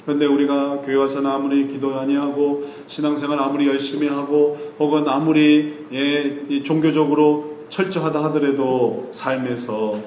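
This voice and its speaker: Middle-aged Korean pastor preaching in an echoey hall. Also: male voice, flat delivery, normal speed, hardly any pauses, a little mellow, slight background noise. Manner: rhetorical questions, rising to emphatic peaks then dropping low. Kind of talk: sermon.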